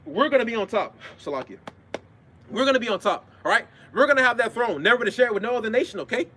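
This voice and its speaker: A preacher gives an informal sermon with scripture readings, speaking fast in a high, expressive voice with a sharp edge. He uses blunt street talk full of swearing, hammers his points home through emphatic repetition, and keeps checking in with his listeners. Slight background noise can be heard.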